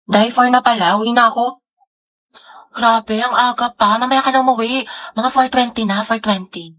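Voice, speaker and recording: Woman doing a chatty filipino student girl, kinda high voice, slangy skit banter w classmates. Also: steady tone, moderate pace, a bit bright, lightly acted. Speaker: skit performer. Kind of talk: casual comedy skit dialogue in student slang.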